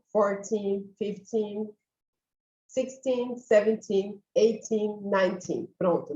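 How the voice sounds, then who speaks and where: A woman teaching a basic English class, slowly and patiently repeating each word to model its pronunciation. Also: medium pitch, mellow. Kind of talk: recorded online English class. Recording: echoey room, slightly dull lo-fi sound.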